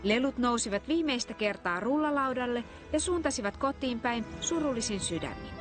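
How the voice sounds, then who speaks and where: A woman narrating a children's story in an expressive storytelling way. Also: on the high side, soft background music.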